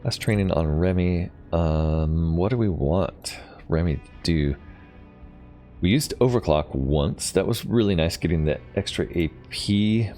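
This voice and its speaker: Low-voiced man musing over a game. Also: unhurried, warm tone, faint music behind. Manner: thinks aloud, many ums and hedges. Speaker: gaming channel host. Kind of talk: casual let's play commentary.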